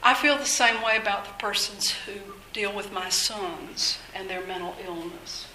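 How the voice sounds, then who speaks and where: Older woman, earnest workshop speaker, unhurried delivery, echoey meeting room. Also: mid-range voice, sharp tone, slight background noise. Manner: earnest, measured, faith-minded. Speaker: speaker at a workshop on mental illness. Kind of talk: informal talk to an audience.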